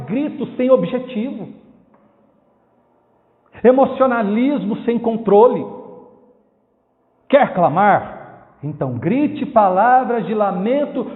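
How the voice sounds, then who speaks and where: A man preaching an expository sermon as pastor, emphatic, asking rhetorical questions and repeating key phrases. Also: sits high. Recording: tinny phone-like sound with long hall reverb.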